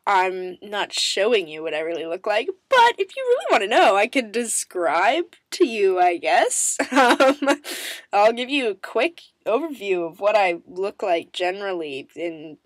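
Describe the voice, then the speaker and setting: A woman vlogger, unhurried and medium-pitched with big swings in pitch, answers viewers' questions on camera. She's bubbly, mocks herself and rambles with frequent ums, her voice raspy and interrupted by coughs as she gets over strep throat. The audio is dry.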